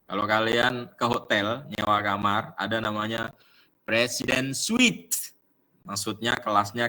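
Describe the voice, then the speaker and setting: A man with an Indonesian accent teaches an English lesson online, slipping English words into his explanations and using lots of fillers. He speaks in a lowish, pushed, bright voice.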